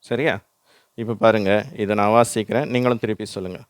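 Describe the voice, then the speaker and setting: A man with a Tamil accent teaching English pronunciation in a slow, patient way, reading words aloud for learners to repeat. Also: on the low side, steady tone, clear, resonant tone, no room sound. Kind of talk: slow instructional explanation.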